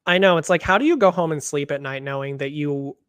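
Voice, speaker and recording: A man co-hosting a podcast in casual chat, talking fast with lots of fillers and quoting others in little acted voices. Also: fairly high pitch, a bit bright, smooth, dry recording, studio quality. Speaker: podcast co-host.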